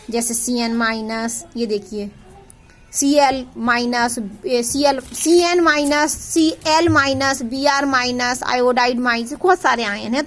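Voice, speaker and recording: A woman teaching a chemistry lesson, repeating terms and quizzing her students with questions. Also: high voice. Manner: addresses students affectionately as child. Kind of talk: classroom lecture.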